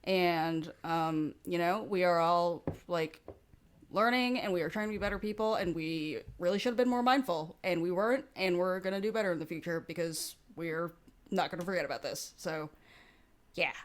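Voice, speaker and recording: A woman's voice: on the low side, moderate pace. A woman co-hosting a casual podcast, talking with a slight lisp and plenty of fillers and restarts. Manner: rambling, with many fillers and restarts. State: slight lisp from dental aligners. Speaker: podcast co-host. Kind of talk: casual chat.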